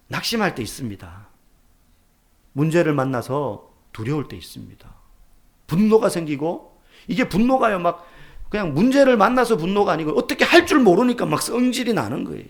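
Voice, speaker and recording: A man preaching a sermon as pastor, asking rhetorical questions and sometimes dropping to a soft near-whisper. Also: on the high side, vocal fry.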